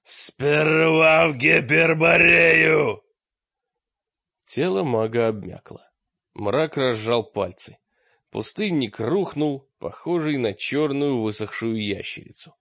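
A man narrating a fantasy adventure audiobook with a steady, dramatic reading. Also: medium pitch, a little slow, no echo. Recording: dry, dull lo-fi audio.

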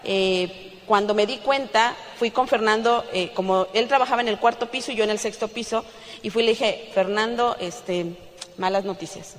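A Mexican woman giving a lively testimonial to an audience, acting out the dialogue of her story and laughing often. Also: mid-range voice, moderate pace. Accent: Mexican Spanish. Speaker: speaker at a business convention. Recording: long hall reverb.

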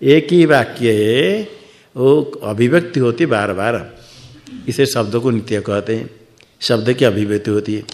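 Speaking a little slowly at a medium pitch, a man teaches a lecture on scripture as a Vedanta teacher. He raises questions only to answer them himself, and he repeats words to stress them.

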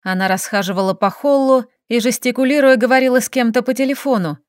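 A woman's voice: fairly high pitch, fast talker, no room sound, clean studio sound. Woman narrating an audiobook. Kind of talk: first-person audiobook narration.

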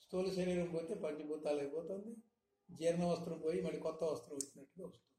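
Echoey spiritual teacher, mellow man. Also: on the high side, steady tone. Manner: rhetorical questions, measured emphatic teaching. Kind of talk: satsang discourse. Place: hall in Hyderabad. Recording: echoey room, faint noise.

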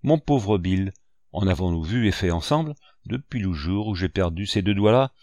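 A man's voice: deep voice, animated, moderate pace, a little mellow, dry recording, clean studio sound. A man reading an audiobook, voicing a sly old male pirate who talks in a sugary, mocking way. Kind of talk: audiobook character voice.

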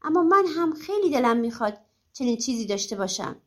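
An eager farmer, voiced by a woman, begs and bargains in a pleading tone. The voice stays high and bright. It is told in an audiobook folk tale. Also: very animated.

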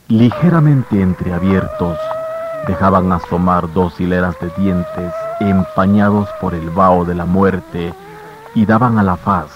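Deep, slow narrator on an old radio show. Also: male voice. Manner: measured, grave storytelling. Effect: old radio show broadcast sound. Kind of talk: scripted dramatic radio narration. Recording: muffled old radio recording with faint hiss.

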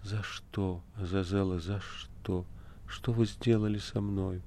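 A man's voice: fairly low pitch, normal speed, natural voice. A man reading the part of an impassioned, distraught young woman in an audiobook, crying out with emotion. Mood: faint, stunned.

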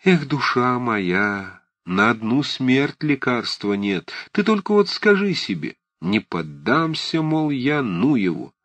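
Guy reading a scolding old auntie, pitched way up and loud, all fuss and heart, dry booth. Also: lively intonation, measured pace, no room sound. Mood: coaxing. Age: older. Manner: agitated, scolding, emphatic. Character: fussy, blunt elderly aunt, warm-hearted. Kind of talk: audiobook character reading.

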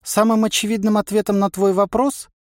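A man's voice: high-pitched, flat delivery, brisk, no room sound, clean studio sound, pitched above the performer's own voice, natural voice. A man voicing a talkative, ironic male inner voice with no body that reasons at length. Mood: wry. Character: chatty bodiless male inner voice, wry.

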